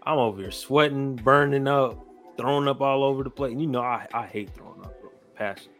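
A man's voice: mid-range voice, fairly quick, a bit bright, soft background music. A young man, hosting a casual podcast chat, telling rambling stories and swearing freely. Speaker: podcast host.

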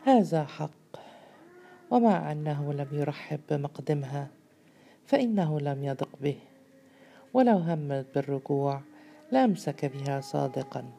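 A woman narrating a novel in a measured, literary reading. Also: deep voice, expressive, vocal fry, warm tone, a little hiss or hum.

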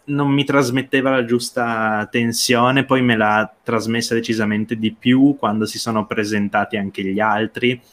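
A man's voice: mid-range voice, steady tone, a little slow, hardly any pauses, fairly bright tone. A man co-hosting a livestream about a TV episode, talking hesitantly with many fillers and occasional light laughter.

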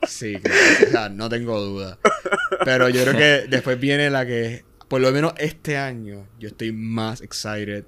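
A Puerto Rican man with a medium-pitched, smooth and clear voice co-hosts a casual podcast. He speaks conversational Spanglish, dropping English words into his Spanish. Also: measured pace, a bit bright. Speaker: podcast co-host. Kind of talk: casual chat.

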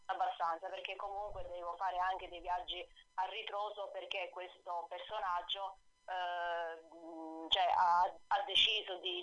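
A woman author calling in to a radio interview over the phone, hesitant, with many fillers and soft laughs. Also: on the low side, no echo. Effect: voice heard over the phone. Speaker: author guest on a radio show. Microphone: telephone. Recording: dull, dry phone line.

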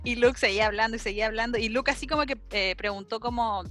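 A young woman with a Chilean accent, chatting casually as a podcast co-host and telling stories with animated acted-out quotes. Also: on the high side, fast, soft background music. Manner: animated storyteller who acts out quotes and squeals. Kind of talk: casual chat.

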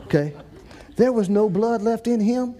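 A man telling a lively story to an audience, acting out scenes. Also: sits high, measured pace, some chatter behind. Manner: folksy Southern-style storytelling, acts out shouts for help.

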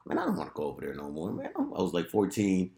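A man's voice: sits low, wildly swooping pitch, quick pace, gravelly, mellow. A man telling stories casually in streetwise, profanity-laden slang, peppering his speech with bro and dude. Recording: roomy, echoing room sound.

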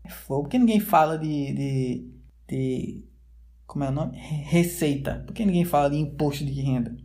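A man's voice: fairly high pitch, moderate pace, mellow. A man talking straight to his viewers in a casual, rambling monologue, full of slang fillers and loose tangents, recorded indoors at home. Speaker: vlogger.

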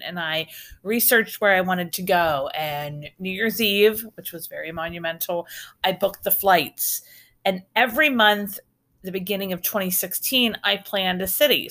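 Her voice is medium-pitched, pushed, and bright as this middle-aged podcast host from the United States rambles chattily through travel stories. She restarts often and drifts into asides.

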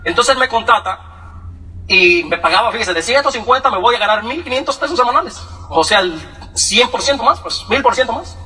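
A man from Michoacán telling a personal testimony, animated, laughing often and acting out other people's voices. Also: very high-pitched, fairly quick, distant mic, poor audio. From Michoacán, Mexico. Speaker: testimony speaker.

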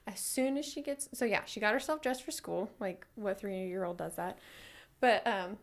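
A woman's voice: medium pitch, moderate pace. A woman in her thirties co-hosting a podcast, telling stories in a chatty, laughing way. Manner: chatty storytelling with frequent laughs. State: pregnant. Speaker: podcast co-host. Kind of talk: casual chat.

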